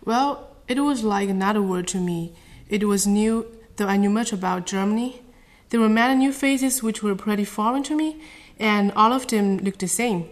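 A woman from China whose first language is Chinese, answering interview questions carefully in a somewhat halting, earnest way. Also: medium pitch. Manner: careful, earnest, slightly halting non-native phrasing.

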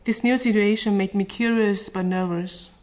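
A woman's voice: mid-range voice, steady tone, darkish tone. Earnest woman, non-native Chinese speaker. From China. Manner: careful, earnest, slightly halting non-native phrasing. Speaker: interviewee. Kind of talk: scripted interview answers.

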